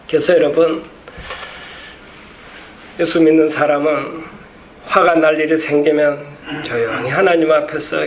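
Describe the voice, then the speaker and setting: A man preaches from a church pulpit, stressing his points and calling the congregation to read aloud together. His voice sits high for a man. The room rings with echo over a faint hum of background noise. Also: creaky. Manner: emphatic preaching, leads congregation in reading aloud. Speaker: pastor. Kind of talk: sermon. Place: church sanctuary.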